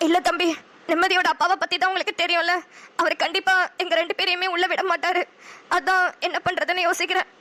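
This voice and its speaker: A woman's voice: very high-pitched, level tone, quick pace, bright, forceful tone. A woman voicing a sorrowful resigned mother. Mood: mournful. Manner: mournful, resigned. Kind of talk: cartoon voice acting.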